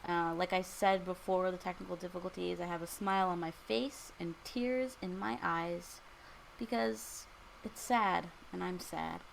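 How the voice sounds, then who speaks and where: A woman's voice: lowish voice, measured pace, creaky, a little hiss or hum, rough recording. A woman in her early twenties chatting on a podcast with a dry, teasing manner. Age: 20s. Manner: teasing, deadpan. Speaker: podcast co-host. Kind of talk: casual chat.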